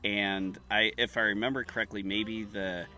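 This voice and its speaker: A man's voice: lowish voice, little pitch movement, moderate pace, bright, forceful tone. A man co-hosting a podcast in casual chat, often hesitant and checking his own memory. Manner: hesitant, second-guessing himself. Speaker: podcast co-host.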